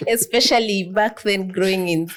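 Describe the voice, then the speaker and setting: A young woman from Kenya hosting an interview, asking poised questions and opening the episode. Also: mid-range voice. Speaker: podcast host, lawyer.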